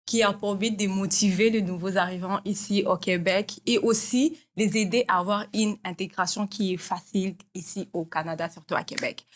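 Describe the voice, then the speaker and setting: A woman's voice: mid-range voice, a bit bright. A woman hosting a casual interview podcast, friendly and encouraging, often repeating her guest's answers back. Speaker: podcast host.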